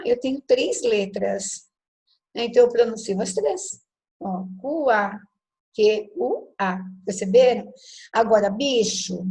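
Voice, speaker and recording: A woman's voice: a little high, darkish tone, poor audio. A woman teacher giving a patient phonology lecture, often checking in with the class and spelling words out letter by letter. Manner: patient and didactic, constant tag questions, spells out letters slowly.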